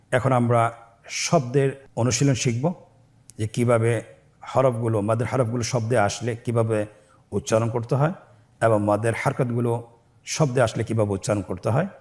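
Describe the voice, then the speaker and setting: A man teaching Quran reading, spelling syllables slowly and asking listeners to repeat after him, voicing each joined word louder. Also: mid-range voice. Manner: slow, syllable-by-syllable call-and-repeat drilling. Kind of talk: step-by-step recitation lesson.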